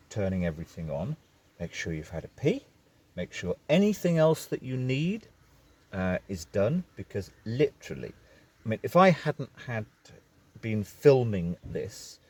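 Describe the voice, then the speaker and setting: A man's voice: lowish voice, very animated, a little slow, a little mellow, husky. A man talking into his phone camera from a parked vehicle, rambling and going off on digressions in a casual vlog. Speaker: vlogger.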